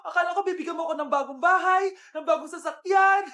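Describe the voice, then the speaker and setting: A demanding young girlfriend, acted by a woman who whines and complains. Her voice is high and indignant. She sounds like the spoiled character in a short comedy skit. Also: fast, fairly bright tone. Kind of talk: comedic skit role-play.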